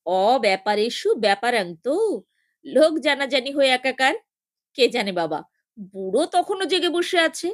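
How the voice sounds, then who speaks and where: An unruffled young man with a dry, joking way of talking, voiced by a woman narrator. He stays calm and wry, in a fairly high voice. The sound is dry and close. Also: moderate pace, no echo. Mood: wry teasing.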